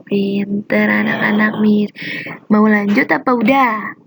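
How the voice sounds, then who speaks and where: A woman teaching young children to read Quranic letters, drawing out each syllable in slow drills and quietly praising them. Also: medium pitch, fairly even intonation, vocal fry, a little hiss or hum.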